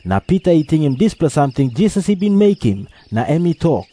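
A man's voice: fairly high pitch, sing-song, a little fast, warm tone, dry recording. A man with a Papua New Guinean accent narrating scripture as a scripted story.

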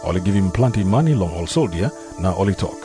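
A man's voice: low voice, animated, fast talker. A Papua New Guinean man narrating scripture in Papua New Guinea pidgin, as a scripted dramatized Bible reading. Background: music behind the voice.

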